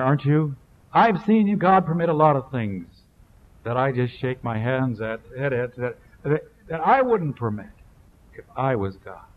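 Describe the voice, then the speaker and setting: Emphatic preacher on a muffled old tape. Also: male voice, medium pitch. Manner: emphatic, building repetition. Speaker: pastor. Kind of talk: sermon. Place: church service.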